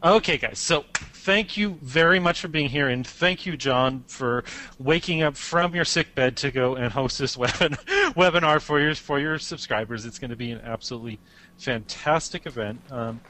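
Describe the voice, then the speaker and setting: Webinar presenter, upbeat chatty man, mid-pitched voice, quick restarting bursts. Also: sharp tone, a little hiss or hum, rough recording.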